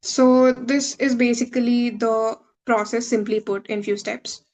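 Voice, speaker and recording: A medical student from India in her twenties, appearing as a guest speaker, reads through slides in a webinar over a video call. Her voice is on the high side and a little mellow, steady and unhurried, with occasional "uh" fillers, and the recording is rough.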